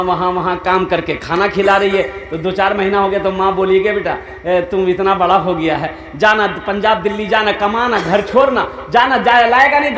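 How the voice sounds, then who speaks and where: A male preacher telling humorous stories in a sermon, acting out the villagers' dialogue in lively voices. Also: high voice, roomy sound. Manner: animated, acts out villagers in dialogue.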